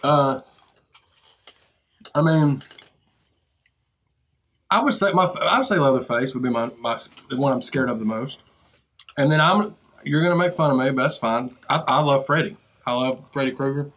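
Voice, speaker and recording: A man's voice: mid-range voice, normal speed, long pauses, a bit bright. A man in his thirties chatting casually as a guest, hesitant and a little defensive. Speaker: video guest, rapper. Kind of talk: casual chat. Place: inside a fast-food restaurant, seated at a table.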